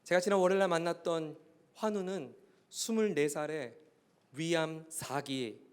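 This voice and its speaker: A male pastor telling a story in a sermon, earnest and growing impassioned and pleading. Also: fairly high pitch.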